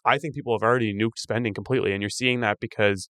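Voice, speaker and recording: Man co-hosting a podcast, rapid, low-ish voice, from Canada, thinking out loud. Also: dry recording, studio quality. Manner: fast, animated, thinking aloud. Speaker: podcast co-host. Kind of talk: casual chat.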